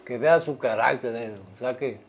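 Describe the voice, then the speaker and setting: A man's voice: medium pitch, normal speed, gravelly, faint music behind, poor audio. An older man, a father being interviewed, giving rambling advice full of restarts and tag questions. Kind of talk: casual family interview.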